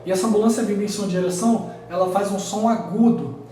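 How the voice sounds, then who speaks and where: A man's voice: sits high, fast, dark tone. A man with a Brazilian accent teaching a physics exam lesson at a whiteboard, explaining step by step and checking in often with his students. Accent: Brazilian Portuguese. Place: room with a whiteboard. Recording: very echoey room, mic far off.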